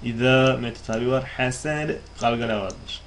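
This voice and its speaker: A man's voice: medium pitch, measured pace, a little hiss or hum. A man giving a lesson on recitation rules, asking and answering his own questions and demonstrating how words are pronounced. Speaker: Quran recitation teacher. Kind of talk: explanatory lesson.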